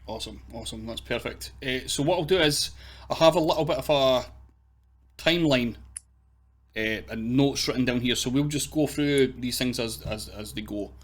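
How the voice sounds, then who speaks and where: A man's voice: medium pitch, normal speed. Scottish man hosting a podcast. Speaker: podcast host. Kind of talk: podcast interview.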